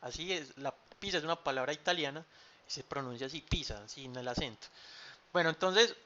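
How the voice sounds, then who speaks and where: A man's voice: on the high side, fairly quick, sharp tone, slight background noise. A man teaching an online math class, patient, repeating key terms and checking with "cierto?". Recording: dull lo-fi sound.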